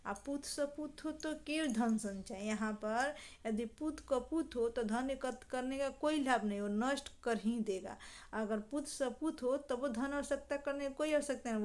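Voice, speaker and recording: Woman teacher, fairly high voice, patient explainer who quizzes and answers herself. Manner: explanatory, asks and answers own questions; slow, measured recitation of verse examples. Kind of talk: Hindi grammar lesson.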